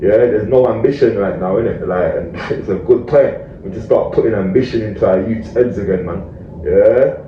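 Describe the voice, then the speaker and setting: A man's voice: on the low side, moderate pace. A man with a London roadman accent giving emphatic, slang-heavy street talk, peppered with tag questions. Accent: London roadman, multicultural street London. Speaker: community activist speaker. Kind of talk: street talk addressed to camera. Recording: roomy, distant, dull audio with faint noise.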